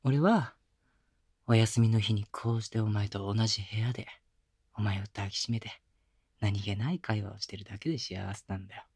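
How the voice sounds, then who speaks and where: A lowish male voice at a moderate pace belongs to a voice actor playing a young boyfriend in a Japanese girlfriend-experience audio drama. Rough-spoken yet caring, he coaxes and pampers his partner, at times dropping into gentle close whispers on a binaural mic. The feel is tender and teasing.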